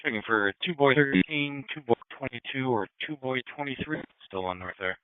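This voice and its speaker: A man's voice: medium pitch, expressive, normal speed, smooth, dry recording. A man speaking in clipped, procedural phrases over a police radio transmission. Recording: tinny narrowband scanner radio.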